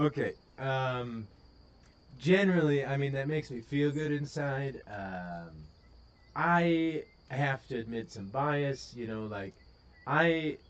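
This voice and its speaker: A man's voice: mid-range voice, lo-fi sound. A man with a Wisconsin accent hosting a casual live stream, rambling with plenty of ums and uhs. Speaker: host.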